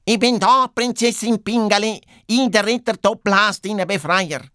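A man putting on a cocky little hare knight for a storybook, high and excited, tacking his last words on again. The voice swoops about brightly with a lilt. It is recorded dry and close. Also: measured pace, no echo. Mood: boastful. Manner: high excited repetitive boasting, repeats phrase ends. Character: boastful cowardly male hare knight.

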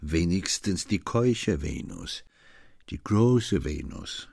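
A man's voice: deep voice, sing-song, slow pace, vocal fry, darkish tone, slightly rough, no echo, clean studio sound, heavily acted. A man voicing a brusque older director in an audiobook reading, a character who muddles his articles. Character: elderly male director, brusque, mixes up articles.

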